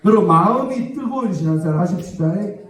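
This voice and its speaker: A man's voice: sits high, animated, quick pace. A man preaching a sermon as senior pastor, emphatic and often calling for amens. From South Korea. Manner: emphatic, repeatedly asking the congregation for amens. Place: church sanctuary. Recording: echoey church hall, distant mic.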